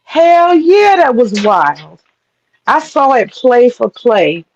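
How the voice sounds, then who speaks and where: A woman's voice: a little high, slow pace. Emphatic woman on a dull lo-fi call. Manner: emphatic, animated storytelling. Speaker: panel guest. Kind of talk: casual live-stream chat.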